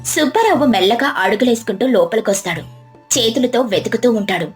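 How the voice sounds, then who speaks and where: A woman narrating a moral storybook tale in a steady, plain telling. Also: a little high, fairly quick. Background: soft music.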